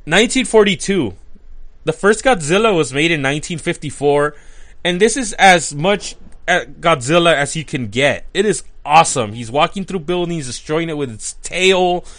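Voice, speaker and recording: A man's voice: fairly high pitch, a bit bright. Enthusiastic man recapping an old cartoon. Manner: enthusiastic and chatty, with frequent "like" and "uh" fillers. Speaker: cartoon reviewer. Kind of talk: casual commentary recapping a cartoon.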